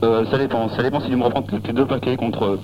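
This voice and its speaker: A man calling in to a radio show, hesitant and halting. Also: medium pitch, fairly even intonation, a little hiss or hum. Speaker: caller. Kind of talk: phone call to a radio show. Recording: dull lo-fi radio tape.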